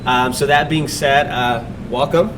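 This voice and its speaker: Relaxed man hosting, mic set back. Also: mid-range voice, measured pace, distant mic, noisy background. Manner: relaxed, many fillers and restarts. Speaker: podcast host. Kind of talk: casual interview. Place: restaurant dining room.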